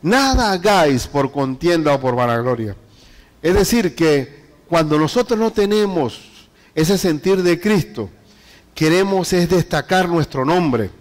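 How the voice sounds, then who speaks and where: A man with a high voice preaching to his congregation. He reads scripture slowly and deliberately, then presses his listeners with emphatic rhetorical questions. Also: animated, in a large hall. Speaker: pastor. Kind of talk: sermon.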